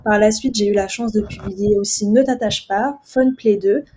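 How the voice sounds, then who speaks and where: A young woman in her twenties from France speaks as a guest author in a podcast interview. Her voice is husky and mellow. She answers in a friendly way, with many hesitant fillers. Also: mid-range voice, normal speed. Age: 20s.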